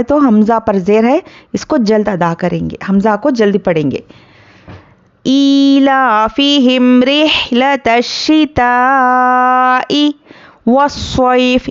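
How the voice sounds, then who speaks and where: A woman's voice: fairly high pitch, lo-fi sound. A woman teaching tajweed, patiently drawing out each word of the recitation before she explains the rule that applies. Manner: slow and patient, drawing out Arabic words, then explaining the rules. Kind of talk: Quran recitation lesson.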